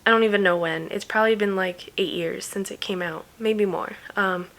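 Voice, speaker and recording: A woman's voice: medium pitch, steady tone, moderate pace, a bit bright. Woman, casual knitting vlogger, rambling chat, small laughs, mid-range voice. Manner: rambling, chatty, with fillers and little laughs. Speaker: knitting podcast host.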